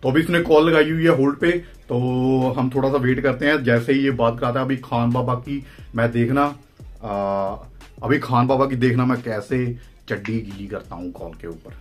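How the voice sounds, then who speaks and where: A man's voice: medium pitch, moderate pace, faint music behind. A young Indian man hosting a phone-call vlog, brash, taunting and impatient, with an Indian accent. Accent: Indian Hindi. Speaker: wrestling channel host.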